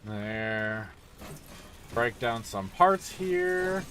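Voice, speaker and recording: A man's voice: on the low side, huge pitch swings, very slow, vocal fry, fairly bright tone, slight background noise. A tired man casually commenting on a driving game as he plays, rambling and yawning with lots of fillers. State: sleepy. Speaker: streamer.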